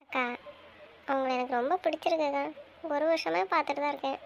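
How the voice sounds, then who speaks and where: A young woman acting a naive, earnest girl who pleads softly about a crush in an amateur drama. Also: high-pitched, steady tone, fast talker, gravelly, dull audio, slight background noise. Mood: pleading.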